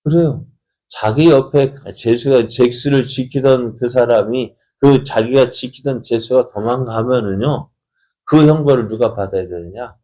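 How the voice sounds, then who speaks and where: A man's voice: mid-range voice, unhurried, mellow. A man preaching at an early-morning prayer service, telling a Bible story with many rhetorical questions and acted-out dialogue. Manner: acts out the characters' dialogue in changing voices. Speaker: pastor.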